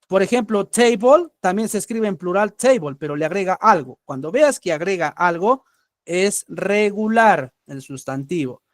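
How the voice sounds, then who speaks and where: A high-voiced man from Peru takes learners through a grammar lesson. He is patient, checks in often and repeats example words slowly. His voice sits close and dry on the mic, with no room around it. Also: no echo. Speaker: English teacher.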